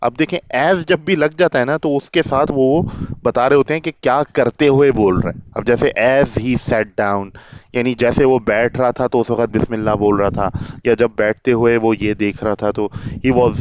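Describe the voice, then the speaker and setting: A man's voice: mid-range voice, highs cut off. A man teaching English by reading a children's story aloud and explaining each line in Urdu-Hindi to a child. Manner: reads English lines slowly, then explains word by word; addresses the listener as a child, calls them beta.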